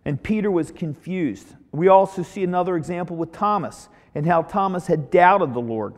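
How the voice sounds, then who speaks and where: Higher-voiced man preaching in a reverberant hall. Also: moderate pace. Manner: animated retelling with frequent repeats. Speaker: Bible study teacher. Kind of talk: informal sermon storytelling.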